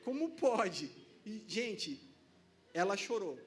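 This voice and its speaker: A man's voice: sits high, very animated, slow, a bit bright. A man with a Brazilian Portuguese accent preaching a sermon in a casual, joking way, laughing often and calling out to the congregation.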